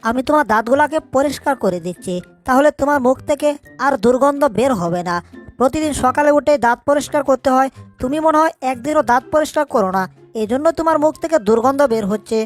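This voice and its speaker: A busy little male cartoon mouse chatters and scolds in a high, quick voice, as a woman plays him. He keeps thinking aloud as he fusses over each mess. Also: animated, soft background music. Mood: scolding. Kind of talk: fan cartoon dubbing.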